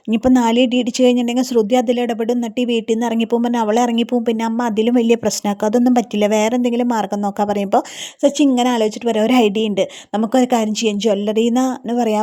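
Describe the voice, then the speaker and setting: A woman's voice: fairly high pitch, dark tone. A woman casually retelling a TV serial episode, voicing each character's lines in her own voice. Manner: informal and colloquial, with sound words and restarts. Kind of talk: casual storytelling recap of a TV serial.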